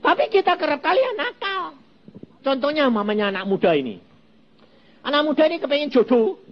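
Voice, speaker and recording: A man preaching a sermon, swinging from loud exclaims to hushed asides and asking the congregation questions. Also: very high-pitched, sing-song, a little fast, highs cut off, slight background noise. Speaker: evangelist preacher.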